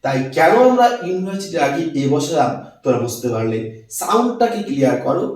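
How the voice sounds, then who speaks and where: A male teacher giving a grammar lesson, asking questions and answering them himself, repeating words slowly. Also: fairly high pitch, very animated, a little mellow. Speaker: English teacher. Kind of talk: classroom-style grammar lesson. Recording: very echoey room, distant mic.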